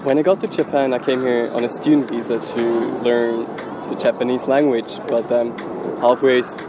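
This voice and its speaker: A man's voice: mid-range voice, fairly even intonation, moderate pace. Young Swiss male model, casual park interview, loose rambling delivery, music playing behind. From Switzerland. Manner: rambling, many "like" fillers. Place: outdoor city park. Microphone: handheld camera.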